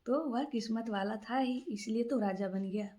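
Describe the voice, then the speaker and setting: A woman's voice: on the high side, moderate pace, mellow. A woman casually telling a moral story aloud, unscripted, with frequent fillers and restarts.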